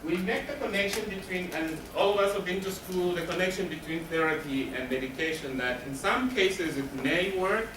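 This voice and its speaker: A counselor with a high voice speaks to a live audience at a moderate pace, leaving few pauses. He delivers short, emphatic explanations and answers questions he puts to himself. The audio is roomy and distant, with background noise easy to hear.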